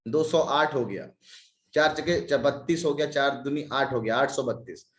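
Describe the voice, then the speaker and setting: A man's voice: mid-range voice, normal speed, roomy sound. A man teaching a maths class online, working sums aloud step by step with joking asides, slightly stuffy from a cold. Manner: talks through sums step by step, jokey asides.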